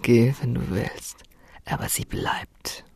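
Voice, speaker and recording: A woman voicing a cocky, cruel young man who mocks and laughs, sometimes dropping to a soft menacing whisper, in a storybook reading. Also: extremely low pitch, measured pace, vocal fry, husky, no room sound, voice pushed down, full character voice.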